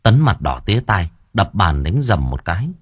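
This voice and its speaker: A man narrating an audiobook story in an expressive, lively way. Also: low-pitched, normal speed, slightly rough, dry recording, studio quality.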